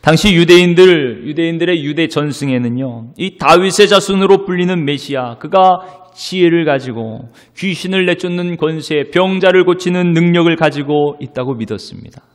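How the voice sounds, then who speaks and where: A male pastor preaching a sermon, dramatic, moving between loud declarations and hushed whispers. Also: on the high side, normal speed, hardly any pauses. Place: church sanctuary. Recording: long church-hall reverb.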